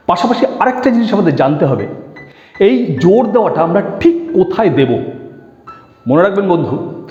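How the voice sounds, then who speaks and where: High-voiced man teaching acting, echoey room. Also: mellow. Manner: explains slowly, addresses viewers as friend, demonstrates dialogue readings. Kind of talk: online acting lesson. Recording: echoey room, slightly dull sound, faint music.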